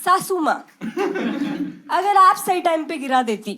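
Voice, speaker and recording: A woman's voice: very high-pitched, animated, a little slow. A young woman performing a stand-up comedy set on stage, brash and conversational, dropping English phrases into her talk. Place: stage before a live audience. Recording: loud background noise.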